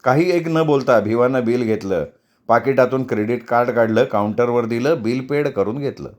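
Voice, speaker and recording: A man narrating a novel as a storyteller, steady and plain. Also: mid-range voice, normal speed. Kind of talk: Marathi novel reading, storytelling.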